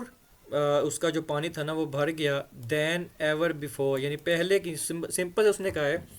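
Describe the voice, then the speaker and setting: A male English teacher from Pakistan works through a story line by line. He reads each English phrase slowly, then explains it at length. His voice sits a little high, and he repeats words again and again to drill their pronunciation.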